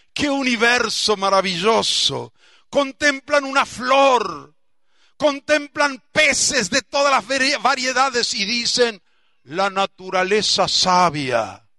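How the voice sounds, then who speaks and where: A man with an Argentine accent preaching a sermon as pastor, emphatic, bursting into shouts on key words and dropping low for asides. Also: dry recording, studio quality. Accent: Argentine Spanish.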